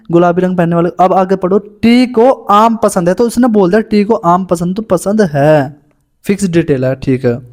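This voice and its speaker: High-voiced man teaching puzzles chattily. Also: a little mellow. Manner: chatty, calls students "bhai". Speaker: exam coaching teacher. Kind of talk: solving puzzles on a board.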